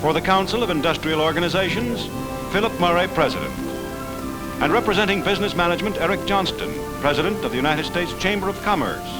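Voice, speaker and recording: A man's voice: high voice, expressive, fast, poor audio. A man narrating an old 1940s wartime newsreel in an urgent, declamatory voice. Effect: old wartime newsreel sound. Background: orchestral music.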